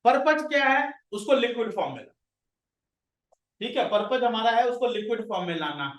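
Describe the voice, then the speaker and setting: A man's voice: extremely high pitch, big pitch swings, a little fast, fairly bright tone. A man with an Indian accent teaching a science class, questioning students and calling on them by name. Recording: roomy classroom audio from a distance.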